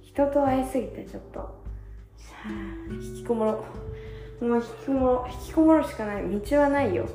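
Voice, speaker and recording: Young woman, tired, casual solo vlog chat, mellow voice, echoey room, light guitar behind. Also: moderate pace. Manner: chatty, self-mocking, acts out quotes in a higher voice. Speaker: vlogger. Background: soft guitar music.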